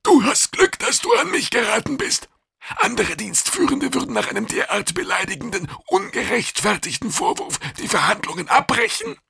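A man's voice: animated, measured pace, vocal fry, pushed and bright, husky, no echo, studio quality, heavily acted. A man voicing a stubborn, pedantic alien customs master in an audiobook. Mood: indignant. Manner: high, strained, indignant.

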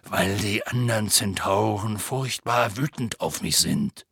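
A man voicing a huge, gruff half-giant groundskeeper with a slow, raspy, folksy way of talking. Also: on the low side, fairly bright tone, no echo, clean studio sound, exaggerated voice. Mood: grim gruff. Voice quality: gravelly, raspy.

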